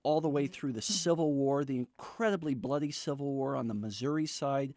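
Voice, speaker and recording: A man's voice: mid-range voice, brisk, a little mellow, dry recording, studio quality. An American man speaking as an author guest in a radio interview, explaining things in an emphatic, storytelling way.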